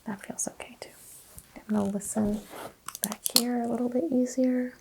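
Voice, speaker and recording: A woman whispering softly and calmly as a doctor in an ASMR roleplay exam, giving gentle clinical instructions close to the mic. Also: on the high side, moderate pace, vocal fry, noisy background. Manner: soft, calm, clinical bedside whisper.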